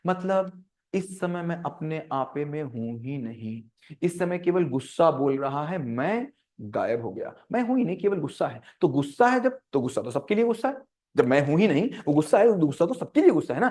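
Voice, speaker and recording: Man, teaching speaker: high, very animated pitch; peppers the talk with rhetorical questions and acts out scenes. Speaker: speaker on managing anger.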